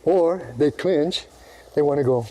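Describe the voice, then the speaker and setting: An older martial arts instructor with a fairly high, mellow voice talks at a measured pace in a casual teaching chat. He demonstrates moves as he speaks and acts out the people in his stories.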